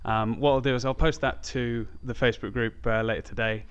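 A man's voice: mid-range voice, fairly even intonation, a little fast, clear, resonant tone, dull audio. A man hosting a podcast, talking casually about sport. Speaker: podcast host.

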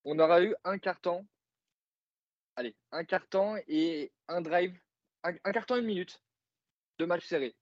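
A man's voice: high voice, unhurried, pauses often, dry recording, dull audio. A man co-hosting a podcast, casually recapping a football game with many fillers and joking asides. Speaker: podcast co-host, football analyst.

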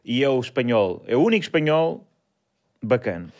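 A man with a European Portuguese accent co-hosts a loose comedy podcast, rambling and restarting his sentences. His voice sits at an average pitch. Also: sing-song, normal speed. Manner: rambling, full of restarts and fillers. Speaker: podcast co-host. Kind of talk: casual comedy chat.

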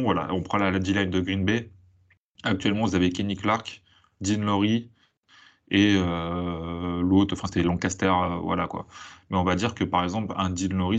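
Working as an analyst, a man offers relaxed scouting commentary in a voice that sits low, stopping to correct himself as he drops in English sports terms.

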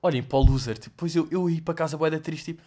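A man's voice: on the high side, racing. Young Portuguese man, rambling comic vlog. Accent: European Portuguese. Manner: swears a lot, animated storytelling with mock voices and sound effects. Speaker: host answering viewer questions. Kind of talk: casual comedic monologue.

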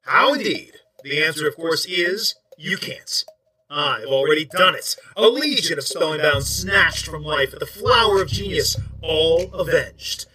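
Booming high-voiced monologuing supervillain. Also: male voice, lively intonation, a little slow, sharp tone, far from the mic, slight background noise, low-quality recording. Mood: gloating. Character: gleeful theatrical male supervillain boss, monologuing. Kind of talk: audio drama acting.

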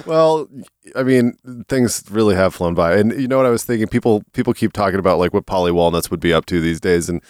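A man's voice: deep voice, fast talker, darkish tone, dry recording, clean studio sound. A man co-hosting a podcast in casual comedic banter, rambling along in a self-mocking way. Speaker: podcast co-host.

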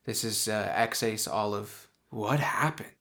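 A man's voice: lowish voice, sharp tone. A man voicing a retired older pilot who speaks politely and hesitantly, with many apologetic restarts. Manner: halting, apologetic, full of restarts.

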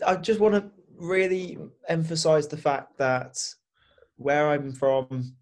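A man's voice: a little high, takes it slowly, darkish tone. Chatty man. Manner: chatty, self-deprecating, hedges with "I think". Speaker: podcast guest, football club insider. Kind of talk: casual chat.

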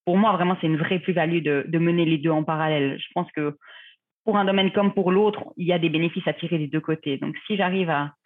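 Her voice is fairly low with a steady tone, and she speaks fast. She's a woman in her thirties from Switzerland, a researcher and clinician, carefully explaining her answers to podcast questions with many fillers over phone-like remote call audio.

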